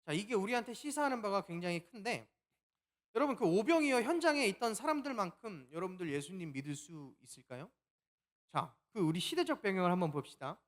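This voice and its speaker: A pastor preaching a sermon, telling the story in a lively way and acting out the quoted lines. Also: male voice, high voice, fairly quick.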